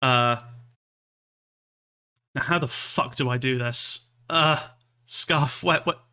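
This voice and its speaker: Male VTuber from Scotland, bright voice, mid pitch, loose rambling livestream chat, self-deprecating, sweary. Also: slow, clear, resonant tone. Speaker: streamer, VTuber.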